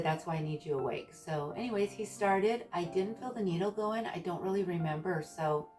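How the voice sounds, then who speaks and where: A woman with a low-pitched voice shares a personal story in a casual vlog style. She speaks haltingly, often pausing to find the right word. She sounds some distance from the microphone, with faint guitar music behind her. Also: darkish tone. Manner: halting, hesitant, searching for words. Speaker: vlogger recounting own surgery experience. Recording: distant mic with background music.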